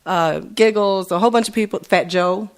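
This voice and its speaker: A middle-aged woman comedian chats on a podcast at an ordinary pitch. She tells lively stories with frequent laughter. She acts out the people she quotes with changing voices. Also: moderate pace. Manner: animated storyteller, laughs often, acts out quotes. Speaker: comedian and radio host. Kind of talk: casual podcast chat.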